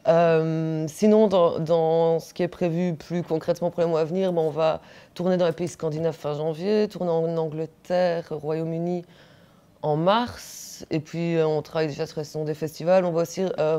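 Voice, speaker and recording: A woman, the singer of a punk band, answers interview questions in a relaxed, mellow voice. She speaks bluntly and crudely, throws in jokes and fillers, and keeps the tone casual. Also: low voice, normal speed. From Belgium. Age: 30s.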